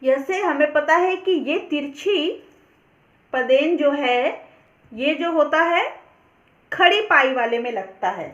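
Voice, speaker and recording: A woman teacher explaining a grammar lesson step by step, slowly working through examples. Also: high voice, expressive, fairly bright tone. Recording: echoey, dull lo-fi room recording.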